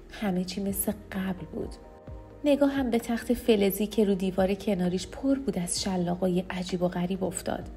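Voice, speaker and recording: Brief: female audiobook narrator, steady, hushed, warm low tone over soft music. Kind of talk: first-person novel reading.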